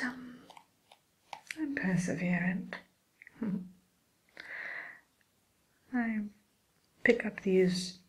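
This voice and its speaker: A woman playing a sly, genteel wicked witch in an ASMR roleplay, speaking in a breathy whisper with polite, coaxing hesitations. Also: medium pitch, a little mellow, rough recording. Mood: businesslike, wry. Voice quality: breathy whisper, mostly unvoiced. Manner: slow, polite, hesitant, coaxing tag questions.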